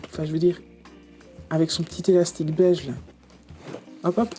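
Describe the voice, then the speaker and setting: A woman's voice: deep voice, flat delivery, normal speed, mellow, faint music behind. A woman chatting casually about her notebooks, talkative and self-mocking, with lots of fillers and restarts. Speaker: journaling vlogger.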